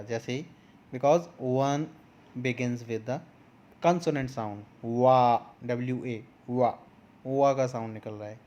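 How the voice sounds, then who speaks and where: A man with an Indian accent teaching a grammar lesson online, explaining slowly and mixing English examples into Hindi. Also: medium pitch, darkish tone.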